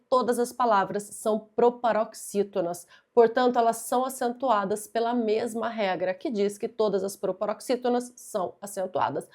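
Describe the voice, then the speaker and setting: Speaking straight to her student, a young adult Portuguese teacher works through grammar for an exam. Her pitch is fairly high but her tone is somewhat dark, and she explains patiently and methodically, putting stress on important words.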